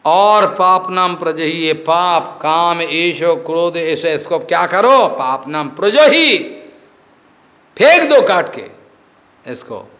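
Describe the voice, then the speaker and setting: A man's voice: sits high, a bit bright. A spiritual teacher gives a sermon, scolding his listeners and repeating his warnings with rhetorical questions. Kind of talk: Hindi sermon on scripture.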